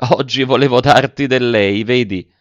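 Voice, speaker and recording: A man reading aloud and voicing a shy, sweet young girl in a gentle, raised voice. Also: mid-range voice, normal speed, no echo, lo-fi sound, voice pushed up, close to an everyday voice.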